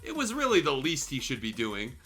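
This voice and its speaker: He's a guest on a livestream, hamming up a fan fiction reading with crude, irreverent commentary while music plays behind him. His mid-pitched voice is husky and sharp, delivered briskly with huge swings in pitch.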